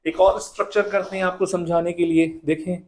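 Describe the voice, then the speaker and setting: A man's voice: high-pitched, little pitch movement, brisk, darkish tone. A man teaching a chemistry lesson, asking the class questions and answering them himself, and repeating the key rules. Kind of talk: classroom lecture.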